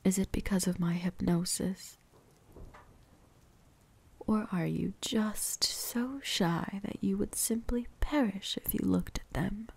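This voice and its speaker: A woman with a mid-range, exaggerated voice takes on the part of a teasing, possessive vampire huntress for ASMR. She whispers breathily, measured and quietly threatening.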